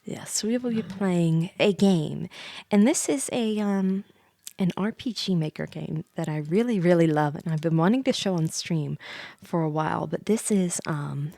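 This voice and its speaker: Tipsy from wine, a female VTuber chats casually with her livestream viewers, playful, giggly and rambling. Her voice is fairly low, unhurried, creaky and dark, with no room sound.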